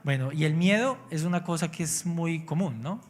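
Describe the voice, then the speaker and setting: A man's voice: a little high, lively intonation, moderate pace, faint music behind. A man preaching a sermon, joking at his own expense and often asking his congregation questions. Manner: engaging, asks the congregation questions; humorous, self-mocking. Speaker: pastor. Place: church.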